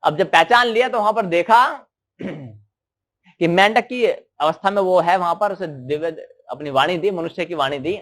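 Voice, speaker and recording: Brief: male sermon storyteller, high voice, lively and questioning. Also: normal speed. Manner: animated, asks the listeners questions. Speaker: storyteller preacher.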